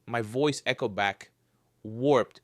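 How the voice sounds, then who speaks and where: Taking it slowly, a man recounts in the first person how he survived something creepy, his dry, darkly funny joking intact even in the grimmest parts. His voice is at an ordinary middle pitch, and the recording is close and dry, with no room sound.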